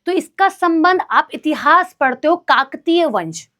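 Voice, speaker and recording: A woman with a fairly high voice teaches an online class. She explains each point step by step, mixing English terms into her lecture. She keeps checking in with her students and calls them brother in a chatty, familiar way. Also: animated, a little slow, pushed and bright. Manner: chatty, addresses students as "मेरे भाई".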